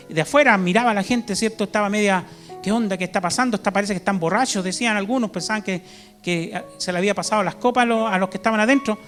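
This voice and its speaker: A man with a Chilean accent preaching a sermon to his congregation, animated, constantly checking in with "¿cierto?" and bursting into loud shouts. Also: sits high. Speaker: pastor. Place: church service.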